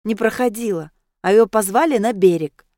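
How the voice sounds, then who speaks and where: A woman voicing a tipsy, hot-headed teenage girl dressed as a ghost, loud and insistent. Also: mid-range voice, moderate pace, no room sound, studio quality, voice pushed up, natural voice. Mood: indignant.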